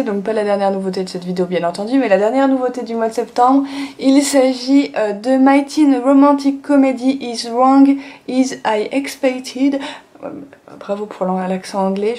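In this manga haul video, a young woman talks chattily from a sunny room in her home, leaning on fillers and the phrase "donc voilà." Her voice is fairly high and dark in tone, and she speaks a little fast.

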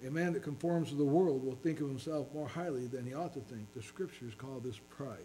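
Earnest male pastor preaching, mellow voice. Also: medium pitch, brisk, a little hiss or hum, poor audio. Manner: reads scripture in King James wording, earnest preaching. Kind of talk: sermon.

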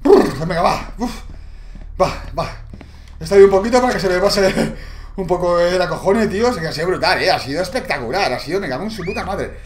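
A man's voice: high-pitched, animated, fairly quick, a little hiss or hum. A man commentating a horror game, panicky and swearing. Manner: panicky, swearing, shouting in fright. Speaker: gamer. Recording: echoey room.

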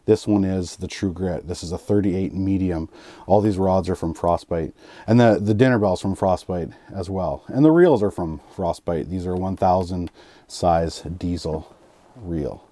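A man in his thirties giving excited running commentary while ice fishing inside a small shelter. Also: deep voice, measured pace, no echo. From Canada. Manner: excited running play-by-play, chuckling. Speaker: fishing vlogger. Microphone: camera clipped to his cap and a fixed camera.

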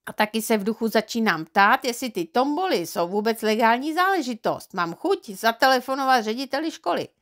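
A woman's voice: a little high, lively intonation, fairly bright tone. A woman voicing a stern, grumbling middle-aged father who lectures and quarrels. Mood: indignant. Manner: indignant, lecturing.

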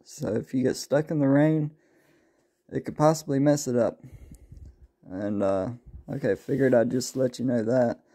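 A man's voice: medium pitch, normal speed, long pauses, warm tone. A man talking casually through a how-to vlog in a laid-back, folksy, plain-spoken way, using a mic mounted on a motorcycle helmet. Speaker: motovlogger. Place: indoors at a dining table. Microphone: helmet-mounted mic by the camera.

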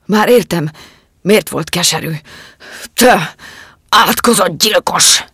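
A woman voicing a furious middle-aged husband who shouts accusations while choking, in an audiobook. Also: fairly low pitch, very animated, gravelly, slightly rough, no echo, clean studio sound, exaggerated voice.

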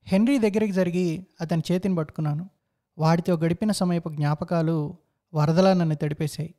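A man's voice: fairly high pitch, steady tone, a little fast, mellow. A man narrating a first-person story in a reflective, introspective way.

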